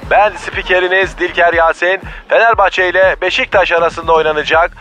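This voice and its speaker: Guy doing a excitable clueless football announcer, really high sharp voice, declamatory radio parody. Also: brisk, soft background music. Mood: grand announcing. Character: excitable, bumbling male football match commentator. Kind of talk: parody sports commentary.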